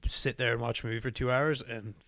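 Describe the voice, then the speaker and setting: Gravelly-voiced man chatting about movies. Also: medium pitch, fairly even intonation, quick pace, a bit bright. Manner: rambling, self-correcting, laughs easily. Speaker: podcast co-host. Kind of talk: casual movie review chat.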